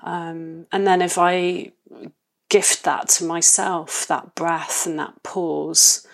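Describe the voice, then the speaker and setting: A woman with a slightly low voice speaks as an interview guest. She is reflective and conversational, often pausing and rephrasing as she thinks her way through what she says. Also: fairly even intonation, gravelly. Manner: thoughtful, hesitant, pausing to reformulate.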